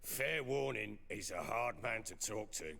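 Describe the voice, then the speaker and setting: Gravelly, blunt fantasy lord. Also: male voice, fairly low pitch, expressive, slow, sharp tone, heavily acted. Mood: wry, warning. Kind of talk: scripted video game acting. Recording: game music underneath.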